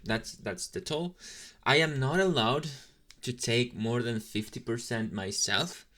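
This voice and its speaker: A man with a mid-range voice plays a sleepy, inexperienced young demon in an ASMR roleplay. He chats casually with the listener, distracted and businesslike, tossing out halting, deadpan, slightly snarky asides.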